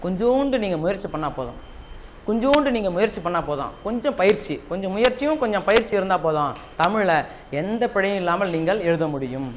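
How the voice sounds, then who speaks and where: A man's voice: high voice, animated, quick pace. A man teaching a Tamil class with a Tamil Nadu accent, repeating key points and quizzing his students. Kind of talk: classroom lesson. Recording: noisy classroom recording.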